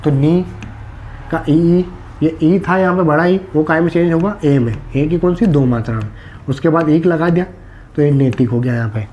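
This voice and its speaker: A man's voice: on the high side, normal speed, mellow, a little hiss or hum. Man teaching grammar, muffled lo-fi sound. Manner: explains step by step, asks and answers his own questions. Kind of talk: exam-prep Hindi grammar lesson.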